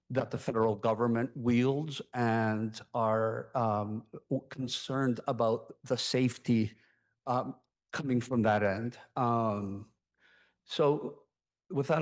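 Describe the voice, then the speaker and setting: A man in his sixties from Chile giving public comment at a city council meeting, speaking haltingly with many ums and pauses. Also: medium pitch, darkish tone.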